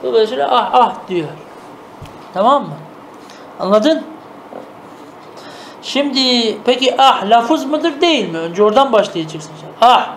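A man with a strikingly high voice gives a traditional madrasa-style lesson. He reads classical Arabic phrases, then unpacks them patiently, asking himself quick rhetorical questions and checking that his students are following. A faint hum of room noise sits under his voice. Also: lively intonation, a bit bright. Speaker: teacher of classical Arabic grammar and logic.

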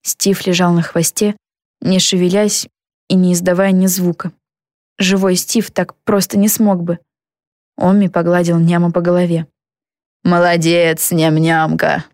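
Woman narrating a storybook, lively, dry close recording. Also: lowish voice, moderate pace, no echo. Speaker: audiobook narrator.

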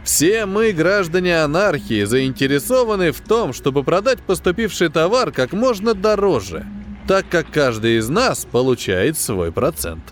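A man reading an audiobook, voicing a plump, smug male space-station quartermaster who talks in a condescending, falsely sympathetic, drawn-out way. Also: fairly high pitch, sing-song, slight background noise, pitched above the performer's own voice. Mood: condescending, lecturing. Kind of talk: audiobook character voice.

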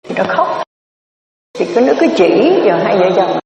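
A Buddhist nun, giving a storytelling dharma talk in a conversational, winding way with many filler words. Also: female voice, mid-range voice, very animated, moderate pace, vocal fry. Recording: echoey hall, distant mic, dull lo-fi sound.

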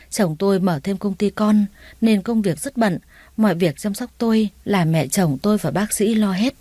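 A woman narrates a first-person story in a calm, even way. Her voice is mellow and low-key rather than bright. The sound is close and dry, with no room echo. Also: slightly rough. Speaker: audiobook narrator.

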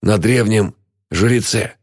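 A man's voice: lowish voice, a little slow, no room sound, studio quality, voice pushed up. A man voicing a frail, frightened old male philosopher in an audiobook, talking in gasping, breathless whispers. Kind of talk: audiobook reading.

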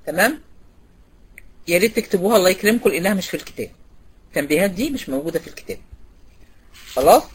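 This online recitation lecture is led by an Egyptian Arabic-accented woman who quizzes students by name and repeats key points. Her lowish voice has a breathy edge; she's expressive and very fast but pauses often.

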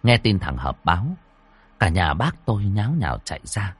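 A man's voice: deep voice, big pitch swings, moderate pace, slightly rough, faint music behind. A man narrating a ghost story dramatically, voicing each character himself. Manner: dramatic, acting out every character.

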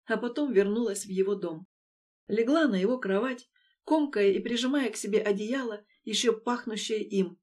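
A woman reading a novel aloud as audiobook narration, measured and emotive in her storytelling. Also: medium pitch, a little mellow. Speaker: audiobook reader.

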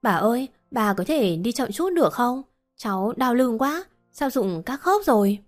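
A woman voicing a meek, polite young pregnant wife who asks gentle questions, over faint music. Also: on the high side, lively intonation, moderate pace, lightly acted. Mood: pleading.

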